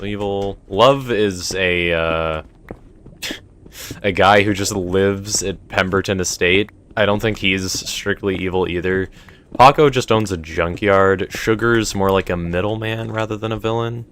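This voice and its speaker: This young man streams live while running a game server, chatting casually, answering chat and rambling. His voice is low and unhurried with fairly even intonation, a bit bright, clear and resonant, though it sounds a little strained.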